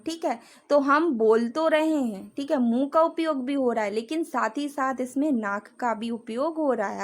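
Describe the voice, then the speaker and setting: A young adult woman teaching a grammar lesson, explaining step by step, sounding out letters and checking in with the class often. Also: sits high. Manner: explains slowly, demonstrates sounds, repeats "ठीक है" often.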